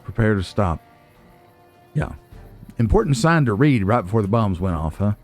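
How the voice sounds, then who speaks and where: A let's play host with a voice on the low side talks at a moderate pace, his pitch swinging in big arcs. He chats casually through the game, musing aloud and adding wry asides, with game music in the background.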